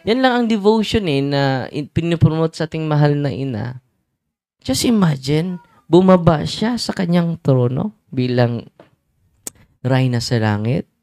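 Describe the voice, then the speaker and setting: Slow-talking priest quizzing his crowd. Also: a little high, lively intonation, darkish tone, no echo, studio quality. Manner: teasing, asks the crowd quick questions. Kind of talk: lively sermon with audience questions.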